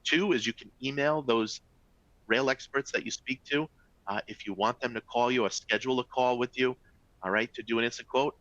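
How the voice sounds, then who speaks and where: Here the Boston-accented executive, a middle-aged man from a travel company, speaks at medium pitch with a steady, fairly bright tone, a little fast. The webinar audio is dry and muffled as he runs an upbeat, chatty training session, peppered with "folks" and "all right?"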